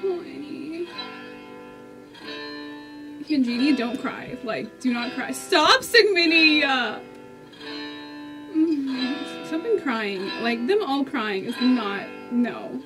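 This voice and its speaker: High, lively, excitable woman reacting. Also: slow pace, pauses often, music in the background. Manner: excitable and gushing, with sudden squeals and exclamations. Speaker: reaction vlogger. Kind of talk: casual reaction commentary.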